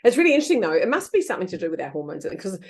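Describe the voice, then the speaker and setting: A woman in her fifties, a guest author in a casual interview chat, who talks lively, laughs often and acts out quoted voices. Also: on the low side, very fast.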